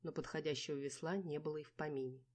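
Brief: woman audiobook narrator, somewhat low, warm tone, wry first-person reading. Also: steady tone, fast.

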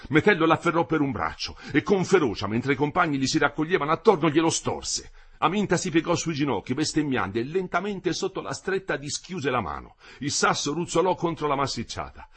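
A man reading a literary novel aloud with an expressive, dramatic delivery. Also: fairly high pitch, brisk, husky. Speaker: audiobook reader.

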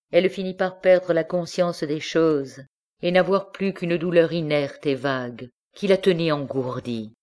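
A woman reading a classic novel aloud as an audiobook, in measured, expressive narration. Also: deep voice. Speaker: audiobook reader. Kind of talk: scripted literary narration.

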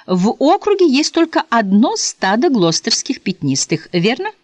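A woman voicing a calm, capable female duck who speaks in a reassuring, sensible way. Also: a little high, moderate pace, no echo, pitched above the performer's own voice.

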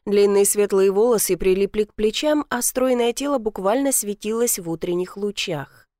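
A woman reading a first-person audiobook in a lively, expressive storytelling manner on a close mic. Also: mid-range voice, moderate pace, no room sound. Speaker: audiobook reader.

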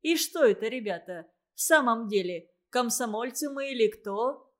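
Cheerful young male laborer, read by a woman, bluff and coaxing, fairly high. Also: expressive, normal speed, close to an everyday voice. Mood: urging. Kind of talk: audiobook reading.

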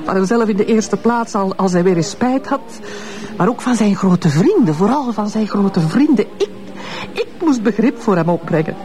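This radio drama role, a bitter, sardonic ex-wife in her fifties serving as a witness, is played by an actress with a Flemish accent in a mocking, insinuating manner. Her medium-pitched voice is warm and animated at normal speed, and the acting is light.

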